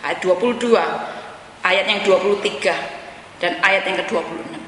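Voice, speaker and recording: A woman's voice: medium pitch, normal speed, a bit bright, slight background noise. A woman preaching a sermon, who keeps turning to the listeners as "saudara" and drops English phrases in between. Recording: echoey hall.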